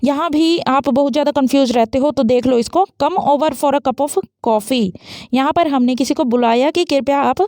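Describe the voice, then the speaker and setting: A woman teaches English intonation rules at a fast pace. Her voice sits high, and it sounds dry and close to the mic. She works through each rule step by step, posing questions and answering them herself. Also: a little mellow, no room sound. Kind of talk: fast-paced English grammar lesson.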